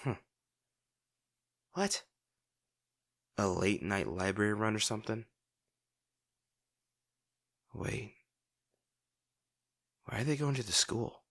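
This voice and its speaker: A young man takes on the role of a brash teenage bully with a hidden caring streak in a dramatic audio roleplay. His husky, breathy voice sits fairly low, sounds fairly bright and expressive, and is a full character performance. He mutters with irritation, gruff and swearing, sighing often and halting when upset.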